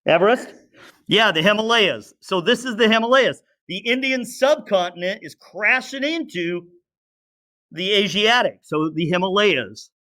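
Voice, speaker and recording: A man's voice: high voice, measured pace, pushed and bright. A male teacher giving a casual classroom science lesson, drawing as he explains and asking students questions. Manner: chatty, asks students questions, talks to himself while drawing.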